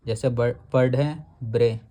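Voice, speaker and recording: A male shorthand teacher moves through his lesson slowly and deliberately, his voice dark and mellow at a middle pitch with fairly even intonation. He explains things patiently, stretching out every word whenever he reads a rule aloud.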